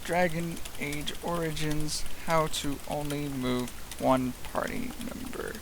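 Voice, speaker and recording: A man's voice: a little high, fairly even intonation, slow. A man giving casual gameplay commentary, muttering to himself and echoing the dialogue as he plays. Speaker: gamer playing and reacting. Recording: hissy background noise.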